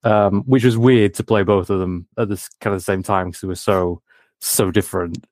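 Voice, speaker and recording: Deep-voiced hesitant male guest. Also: fairly even intonation, fairly quick, a little mellow, no room sound. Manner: hesitant, many fillers and restarts. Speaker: game designer guest. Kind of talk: casual interview.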